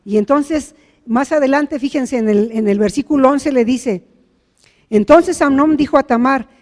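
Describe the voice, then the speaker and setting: A man's voice: very high voice, measured pace, darkish tone, long reverb tail. A man preaching a sermon, retelling a story with earnest explanatory asides. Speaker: pastor. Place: church.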